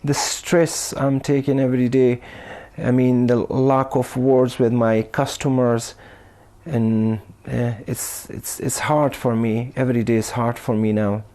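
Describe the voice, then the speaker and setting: A man answering in a news interview, halting and repeating his words. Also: medium pitch, little pitch movement, warm tone. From Afghanistan. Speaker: taxi driver being interviewed.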